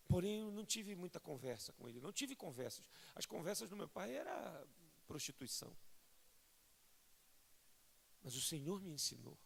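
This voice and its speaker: A Brazilian man preaching a fervent sermon as a pastor, swelling from soft to loud and often calling listeners "querido". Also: a little high, gravelly, a little hiss or hum. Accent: Brazilian Portuguese. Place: large church sanctuary. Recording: long hall reverb in church.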